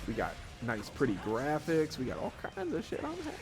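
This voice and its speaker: A man's voice: a little high, wildly swooping pitch, moderate pace, over music. A man casually commentating a live fighting-game tournament, rambling and chuckling often.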